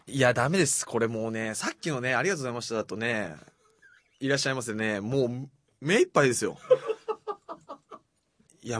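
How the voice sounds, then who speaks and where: A man hosting a casual radio show and reading out listener letters, soft-spoken and self-deprecating, his voice often trailing off quietly. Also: mid-range voice, dry recording. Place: radio studio.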